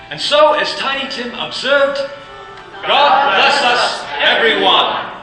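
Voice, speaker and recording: A man narrating a radio play and reading the closing credits in an earnest, measured way. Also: sits high. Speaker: narrator and announcer. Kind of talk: scripted narration. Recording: echoey room, faint music.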